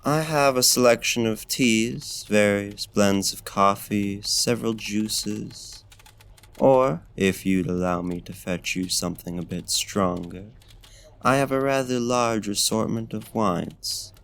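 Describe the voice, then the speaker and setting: Speaking slowly in a low, gravelly register with a slightly bright edge, this man plays a smooth male vampire host for an intimate ASMR roleplay. He sounds attentive and hospitable, yet gently menacing and seductive, using courteous, flirtatious, formal and archaic language.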